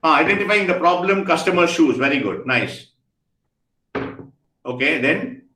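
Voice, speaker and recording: A man giving an energetic online lecture, firing questions at students and praising their answers. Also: fairly high pitch, moderate pace. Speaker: guest speaker. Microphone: video call. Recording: echoey room, faint noise.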